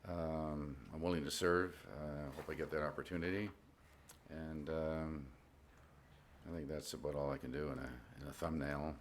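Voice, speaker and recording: A man introducing himself to a town board as a willing applicant, speaking modestly and haltingly. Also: rumbling low, fairly even intonation, a little hiss or hum. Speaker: committee applicant.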